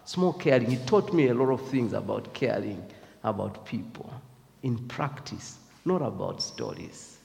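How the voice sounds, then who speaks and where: A man's voice: mid-range voice, animated, moderate pace, gravelly, darkish tone, long reverb tail. A man with a Zambian accent giving a reflective devotional talk, hesitant and full of fillers. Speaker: speaker.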